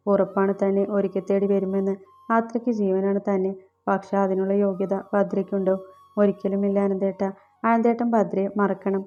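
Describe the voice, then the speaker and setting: A woman narrating a romantic audiobook story in a steady, even reading. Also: mid-range voice. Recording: slightly dull, music underneath. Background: soft background music.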